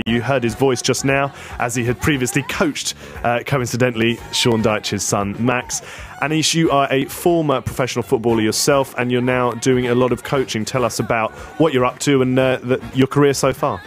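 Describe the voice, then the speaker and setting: A man's voice: mid-range voice, steady tone, normal speed, faint music behind. A man hosting a sports radio show, asking questions in an upbeat, jokey way. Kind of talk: casual radio interview.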